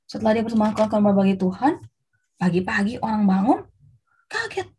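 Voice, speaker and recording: A woman preaching to children, telling a Bible story in a lively, animated way. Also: mid-range voice, fast talker, breathy edge.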